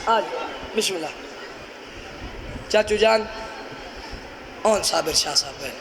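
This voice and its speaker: A man preaching at a mourning gathering, fervent and building to shouted, drawn-out refrains. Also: sits high, animated, a crowd in the background. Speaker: zakir, majlis preacher. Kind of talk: impassioned majlis oratory. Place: mourning gathering before a crowd.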